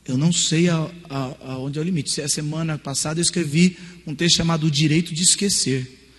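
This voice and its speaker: A man preaching a sermon in animated storytelling style, swinging between hushed asides and loud emphasis. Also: fairly high pitch, a little fast, slightly rough. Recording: long hall reverb.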